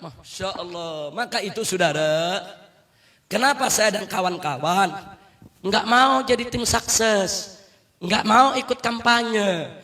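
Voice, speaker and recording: Fiery high-voiced male preacher. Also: slow. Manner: shouts rousing calls to the crowd, repeats "brothers" often. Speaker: Islamic preacher. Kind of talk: fiery rally sermon.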